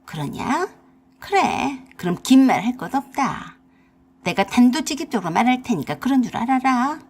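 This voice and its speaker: A woman's voice: high-pitched, very animated, normal speed, a little hiss or hum. A woman voicing a bossy, scolding older mother-in-law with an in a radio drama. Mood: demanding. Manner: harsh, nagging, scolding.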